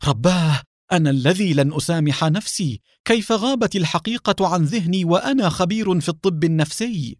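A man's voice: high-pitched, lively intonation, brisk, no echo, studio quality, pitched above the performer's own voice. A man doing an alarmed young psychiatrist. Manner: exclaiming urgently. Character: shocked young male psychiatrist.

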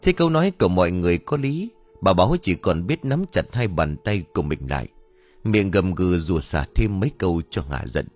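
A man, reading a ghost story in an expressive, dramatic way. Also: sits low, brisk, faint music behind. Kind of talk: scripted narration of a ghost story.

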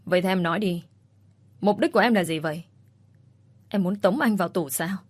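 A woman's voice: on the low side, brisk, no echo, close to an everyday voice. A woman reading the lines of an angry young husband, in an accusing manner.

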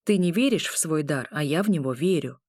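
A woman voicing a caring old grandfather who grumbles yet speaks gently, in a storybook reading. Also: low-pitched, animated, a little fast, no echo, clean studio sound. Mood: coaxing.

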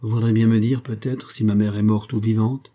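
A brooding, menacing young man in a storybook, voiced by a man reading aloud, curt and impatient. His voice is low, husky and dark. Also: flat delivery, fairly quick, lightly acted. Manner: curt, threatening.

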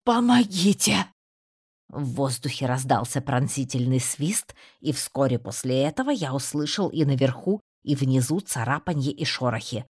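Woman, audiobook narrator, low-pitched, husky, steady storytelling. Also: normal speed, hardly any pauses. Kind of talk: scripted narration.

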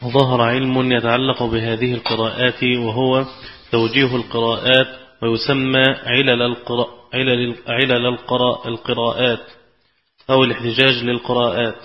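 A man reads a scholarly text aloud in a formal, measured way, his delivery flat with little rise and fall. The sound is muffled and lo-fi, with a long hall echo behind him. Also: medium pitch. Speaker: student reading the text aloud. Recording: lo-fi recording in a reverberant hall.

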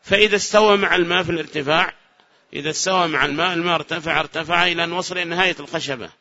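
A man teaching a classroom grammar lesson. He asks the class questions, answers them himself, and repeats the key phrases slowly. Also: fairly high pitch, sharp tone. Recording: dull lo-fi lecture recording.

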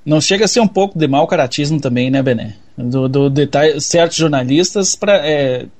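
A Brazilian man with a somewhat high voice, hosting an interview. He asks questions haltingly, restarting phrases as he searches for words. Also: a little mellow. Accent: Brazilian Portuguese.

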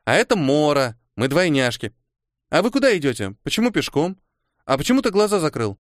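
Brief: nosy, pushy little girl, high and insistent, voiced by a man; dry read. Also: big pitch swings, no echo. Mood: inquisitive. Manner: rapid-fire questions, high and insistent. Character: nosy pushy girl about eight, endlessly questioning. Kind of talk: audiobook character voice.

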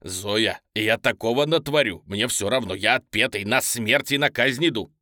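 A man reading an audiobook, voicing a burly lustful man who pleads in a hoarse, breathy voice and bursts into shouts. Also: lowish voice, big pitch swings, moderate pace, no room sound, studio quality. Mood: shouting.

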